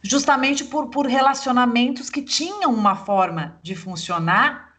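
A woman's voice: on the high side, lively intonation, unhurried, fairly bright tone, breathy edge. A Brazilian woman, a psychologist co-hosting a relationship podcast, talking thoughtfully and telling stories from her sessions. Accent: Brazilian Portuguese. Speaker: psychologist co-host. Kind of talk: podcast conversation.

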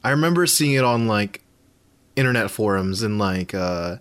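A man's voice: lowish voice, expressive, normal speed, a bit bright. A young man in casual podcast chat, rambling and laughing often.

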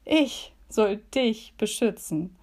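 A woman voicing a sleepy, grumbling male leopard in a zoo, gruff and drowsy in a storybook devotion. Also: mid-range voice, animated, slow pace, a little mellow. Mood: gruff calm.

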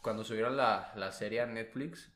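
A man with a low voice and a Mexican accent chats casually on a podcast. He rambles in slangy, profane bursts full of fillers. The sound is echoey, as if in a bare room. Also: normal speed, a bit bright, slight background noise. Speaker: podcast co-host. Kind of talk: casual chat. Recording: roomy echo.

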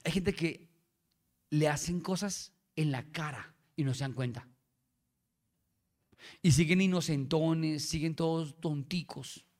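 A male pastor preaching a sermon in a lively, playful way, often asking the congregation questions. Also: a little high, slow pace, pauses often.

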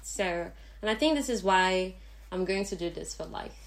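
A woman's voice: on the low side, animated, moderate pace, creaky. A woman with a Nigerian accent hosting a podcast in a casual, chatty way, thinking aloud as she goes. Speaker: podcast host. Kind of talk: casual chat.

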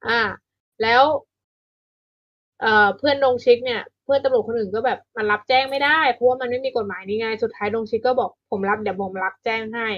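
A woman's voice: fairly high pitch, fairly quick, lo-fi sound. A woman co-hosting a casual podcast chat, talking things through, often restarting and repeating words as she explains. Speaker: podcast co-host.

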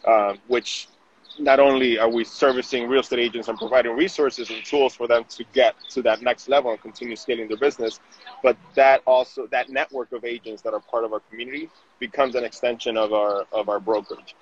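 A man with a mid-range voice and fairly even intonation talks a little fast as a guest in a city-street interview. He's a Venezuelan digital marketing director who speaks informally and often restarts his sentences; the recording is dull with slight noise.

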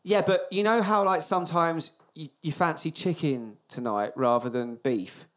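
A man's voice: fairly high pitch, normal speed, fairly bright tone. A man with a British accent in casual comic banter as a podcast co-host, sweary and mock-indignant.

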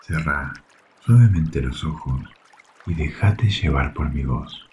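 A man with a Rioplatense Spanish accent leads a guided sleep meditation in a soft, soothing, hushed delivery with long pauses. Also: rumbling low, lively intonation, slight background noise. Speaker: yoga nidra guide. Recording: faint water ambience behind voice. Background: trickling water sounds.

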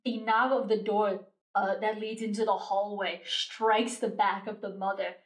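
A woman's voice: mid-range voice, level tone, normal speed. Woman game master in an echoey room. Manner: vivid, descriptive narration. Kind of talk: narrating a tabletop game. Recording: roomy echo.

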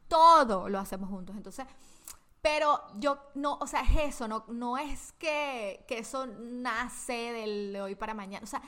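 An expressive woman chats on a podcast over a video call. Her voice sits a little high and she talks in animated bursts, peppered with slang and fillers. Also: unhurried. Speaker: podcast co-host. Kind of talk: casual chat.

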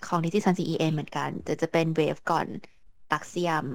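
Polite explaining woman, low voice. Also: fairly even intonation, normal speed, darkish tone, dry recording. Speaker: guest fan. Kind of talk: casual chat.

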